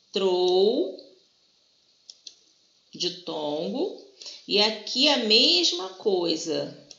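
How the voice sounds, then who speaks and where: A woman's voice: mid-range voice, vocal fry, sharp tone. A woman teacher, patiently walking students through a grammar lesson and often checking they follow. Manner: patient, explanatory, keeps checking in with "tá?". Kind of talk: recorded grammar lesson walkthrough. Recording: echoey room, dull lo-fi sound.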